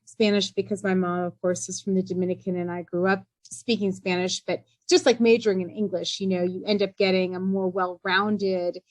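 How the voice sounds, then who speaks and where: This low-quality recording features a middle-aged entrepreneur being interviewed as a podcast guest, her medium-pitched voice keeping a level tone. She comes across as earnest and measured, though "um" and "you know" crop up frequently.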